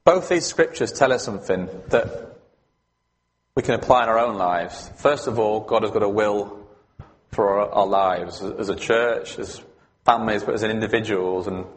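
A man's voice: lowish voice, moderate pace. A man preaching a sermon in a church, talking in a conversational but emphatic way and asking his listeners questions. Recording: long hall reverb.

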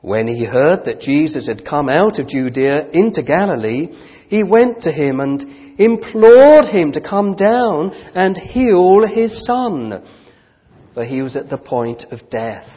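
A man preaching a sermon into a pulpit microphone, earnest and deliberate, reading scripture and growing fervent. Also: a little high, sing-song. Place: church sanctuary. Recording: dull church recording with long hall reverb.

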